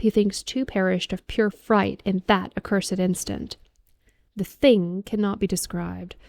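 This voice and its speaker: A woman reading a horror audiobook as a calm bedtime ASMR narration, soft, measured and deliberate. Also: medium pitch, no room sound.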